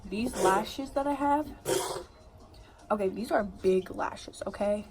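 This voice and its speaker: A woman's voice: medium pitch, takes it slowly, a little mellow. A young woman giving a casual makeup tutorial, rambling in a loose, slangy, drunk way. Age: young adult. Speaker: makeup vlogger. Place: living room at home, indoors. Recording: noisy home room recording.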